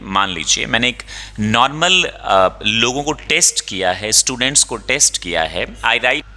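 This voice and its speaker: A man teaching a spoken English lesson, drilling the sounds slowly and deliberately. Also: mid-range voice, pushed and bright, in a large hall.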